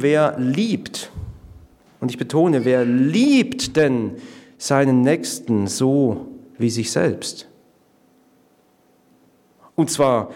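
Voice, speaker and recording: A man preaching a sermon as pastor, earnest and measured, slowing down to stress key words. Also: a little high, a little mellow.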